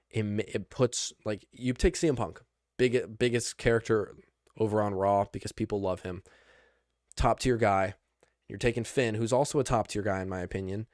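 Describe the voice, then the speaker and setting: A young male podcast host recaps wrestling in casual chat, rambling excitably and restarting often. His voice is fairly low and clean, recorded in a clean studio with no echo.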